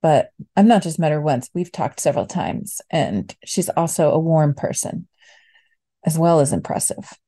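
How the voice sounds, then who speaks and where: Dark-voiced woman reading a podcast intro. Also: low voice, animated, normal speed. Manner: friendly read announcements.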